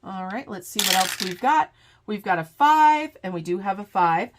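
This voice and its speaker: A woman's voice: mid-range voice, lively intonation, normal speed, background noise. A middle-aged woman hosting a casual budgeting vlog, congested from a cold, chatting to viewers as "you guys" while faint clicks sound behind her. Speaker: budgeting channel host.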